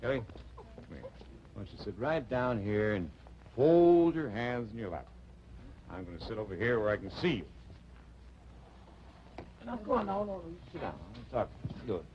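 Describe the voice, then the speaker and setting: An actor playing a gentle, soft-spoken baseball star talking hesitantly to his wife in a 1950s TV drama. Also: mid-range voice, sing-song, moderate pace, pauses often, natural voice, low-quality recording. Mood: tender. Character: gentle, devoted male baseball star husband. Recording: faint noise, old TV broadcast.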